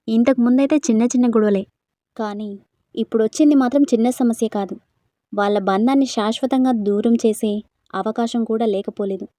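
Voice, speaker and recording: Female storyteller, highish voice, dry close sound, steady expressive reading. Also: dry recording.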